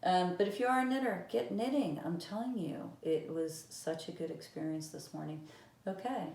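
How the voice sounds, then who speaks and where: A woman's voice: on the low side, normal speed, gravelly, a little mellow. A woman vlogging about knitting in casual, rambling chat with many fillers. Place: room with vinyl playing. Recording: echoey room, music behind. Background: eighties vinyl record playing.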